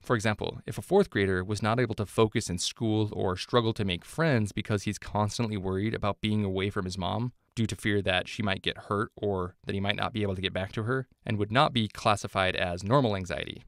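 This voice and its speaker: A man giving a scripted medical lecture, explaining clearly and offering memory hooks. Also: fairly low pitch, fairly even intonation, brisk, hardly any pauses, no room sound, clean studio sound.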